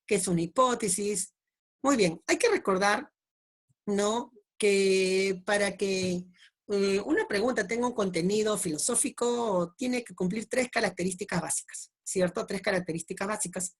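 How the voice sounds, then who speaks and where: A woman's voice: medium pitch, moderate pace. A woman teacher explaining logic exercises step by step, often checking in with her students through short questions. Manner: patient, checks understanding with repeated tag questions.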